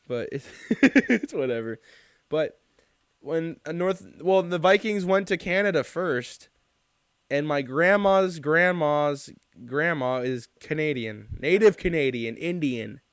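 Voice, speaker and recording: Guy hosting a podcast, kinda high smooth voice, rambles with lots of likes, dry sound. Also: slow pace, no echo. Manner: rambling, many "like"s and restarts, teasing. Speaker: podcast host. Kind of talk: casual podcast chat.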